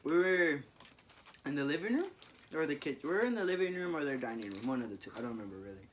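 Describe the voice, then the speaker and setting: A man's voice: fairly high pitch, lively intonation, fast, a bit bright, slight background noise. A young man, a new father, with a congested, froggy throat, chatting easily and rambling through a story in a vlog. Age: young adult. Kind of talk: casual chat over a mukbang.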